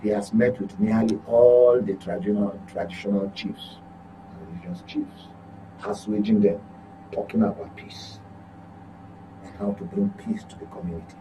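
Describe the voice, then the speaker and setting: With a fairly low, warm, steady voice at moderate pace, a Nigerian-accented journalist comments on politics on a talk show. He's emphatic, repeating and correcting his words often. There's clear noise from electrical hum.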